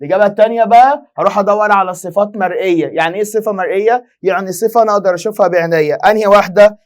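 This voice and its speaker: A man's voice: sits high, rapid-fire. A young Egyptian man with an Egyptian Arabic accent teaching an exam-prep lesson, firing rhetorical questions at students and answering them himself. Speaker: Italian language teacher.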